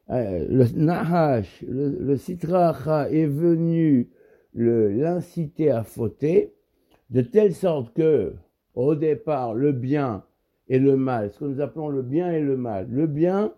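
Halting, mellow-voiced man teaching Torah. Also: a little high. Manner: halting, repeats words, searches for terms. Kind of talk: spoken Torah lesson.

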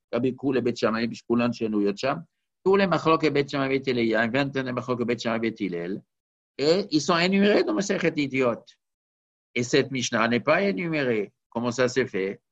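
Man, Talmud teacher, explanatory lesson, mid pitch, muffled lo-fi sound. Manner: explanatory, mixes Hebrew and Aramaic terms into French. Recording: dull lo-fi recording.

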